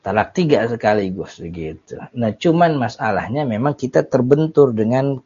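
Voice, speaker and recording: A man from Indonesia teaches a religious text in a loose, joking way, reading Arabic lines and then explaining them in flavored speech. His voice is dark and mellow. The recording is dull and lo-fi. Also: medium pitch, expressive, moderate pace, breathy edge. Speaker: Islamic teacher. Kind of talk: casual kitab study lesson.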